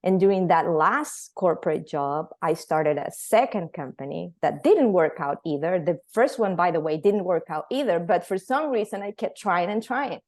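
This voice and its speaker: A woman's voice: lowish voice, lively intonation, moderate pace, hardly any pauses, darkish tone. A woman from Venezuela, a company founder, telling her story as an interview guest in a chatty way with many fillers. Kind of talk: casual interview answers.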